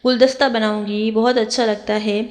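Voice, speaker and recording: Petulant childish young bride, slightly high, with a long echo, as a woman narrator voices her. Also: level tone, natural voice. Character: childish naive young bride, stubborn and tearful.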